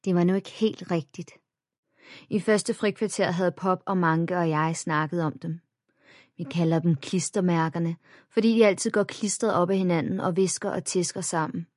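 A woman reads a children's chapter book aloud in the first person. Her voice is lowish and steady, told plainly. The recording is close and completely dry. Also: no room sound. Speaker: audiobook narrator.

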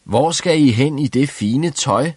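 A man voicing a cheerful, simple-minded young peasant who shouts merrily. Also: medium pitch, husky, no echo, pitched above the performer's own voice, natural voice. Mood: eager.

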